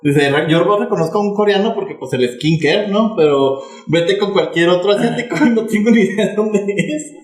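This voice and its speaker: A Mexican man co-hosting a relaxed podcast, talking in long rambling stretches full of fillers and false starts. His voice sits a little high for a man. The room around him rings with echo. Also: moderate pace. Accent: Mexican Spanish. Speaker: podcast co-host. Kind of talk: casual chat.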